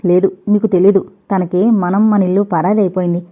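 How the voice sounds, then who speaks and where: A woman's voice: mid-range voice, flat delivery, brisk, natural voice. A woman voicing a hurt young man who speaks with wounded bitterness. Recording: tinny, phone-like recording.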